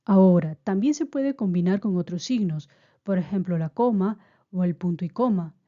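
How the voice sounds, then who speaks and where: A woman giving a grammar lesson, explaining slowly and patiently and often repeating her key points. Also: on the low side, mellow, lo-fi sound. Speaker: teacher.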